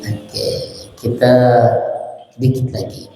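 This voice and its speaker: Male recitation teacher, slow and mellow, echoing mosque hall. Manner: explains plainly, then sings drawn-out phrases for imitation. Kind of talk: teaching class, demonstrating melodic recitation. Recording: echoey hall, faint music.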